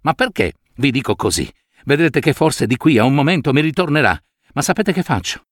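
A man's voice: medium pitch, big pitch swings, fairly quick, no room sound, clean studio sound. A man voicing a grumpy middle-aged male notary with a toothache, irritable and exasperated. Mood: furious.

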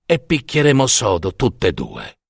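A man voicing a grim, vengeful peasant husband in a storybook reading, speaking low and curt. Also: huge pitch swings, measured pace, gravelly, breathy edge, no room sound, studio quality, exaggerated voice.

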